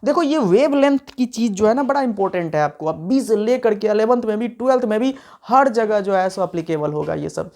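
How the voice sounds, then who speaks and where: A man teaching a physics class online from home at night, animated and playful, teasing his students and swinging between soft and loud speech. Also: high-pitched, brisk, hardly any pauses.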